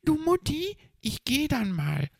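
A man voicing a cheerful young hedgehog boy in a children's audiobook, in a high put-on voice. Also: wildly swooping pitch, slow, gravelly, a little mellow, no room sound, studio quality, full character voice.

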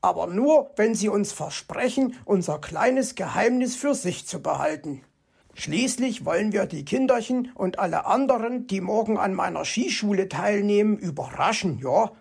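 A reader voicing a cheeky, jovial male fox who teases his friend, in a raised pitch for a storybook reading. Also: lively intonation, moderate pace, creaky, a little mellow, breathy edge. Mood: coaxing. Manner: teasing, laughs at others.

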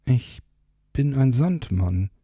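A man voicing a gentle male sandman who speaks in a calm, low, reassuring way. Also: slow, husky, dry recording, clean studio sound, exaggerated voice.

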